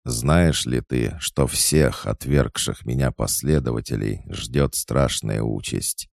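A man voicing a growling, menacing ancient male god of death who speaks slowly and commandingly. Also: rumbling low, a little mellow, no room sound, clean studio sound, heavily acted. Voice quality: growling, rasping laugh.

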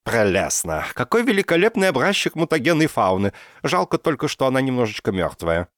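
A man voicing an excitable, theatrical professor in his sixties who rolls his R softly, in an audiobook. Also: mid-range voice, fairly quick, dry recording, clean studio sound, pitched above the performer's own voice. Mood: effusive. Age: 60s. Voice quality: soft burred R. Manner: theatrical, exclamatory. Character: excitable old male professor, theatrical and haggling. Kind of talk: audiobook character voice.

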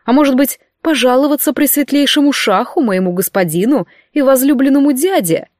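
A woman reading an audiobook, voicing an arrogant, cruel young male court sorcerer with slow, mockingly tender speech. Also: high-pitched, lively intonation, darkish tone, no room sound, studio quality.

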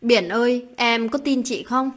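A woman voicing a sad, gentle young sister-in-law in a read-aloud story, speaking softly with a husky voice. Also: fairly high pitch, unhurried. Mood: sorrowful.

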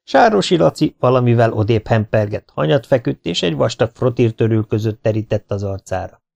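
Man, audiobook reader, lively, expressive, humorous, medium pitch. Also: gravelly, muffled recording. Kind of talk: scripted first-person narration.

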